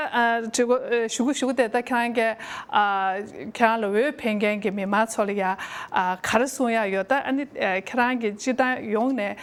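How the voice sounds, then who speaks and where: A woman interviewer on a broadcast program, asking and prompting her guest. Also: mid-range voice.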